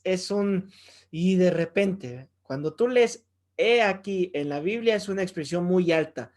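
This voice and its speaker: A man with a Mexican accent, a pastor teaching a Bible lesson with lively stories and rhetorical questions to the audience. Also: sits high. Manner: jokes and chuckles while telling stories.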